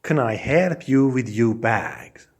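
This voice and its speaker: A man acting as a language teacher reads short English phrases aloud, saying each deliberately as a separate, repeated phrase. His voice is medium-pitched, husky, and sing-song.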